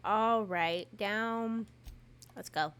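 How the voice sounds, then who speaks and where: A woman's voice: medium pitch, drawn-out words, a bit bright, clear, resonant tone. A woman hosting a gaming video, giving playful commentary as she plays and answering the characters.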